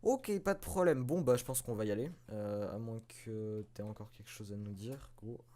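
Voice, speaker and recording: A man's voice: lowish voice, normal speed, warm tone, slight background noise. A man giving casual, self-mocking commentary while playing a video game, swearing and chuckling now and then. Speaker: let's play host.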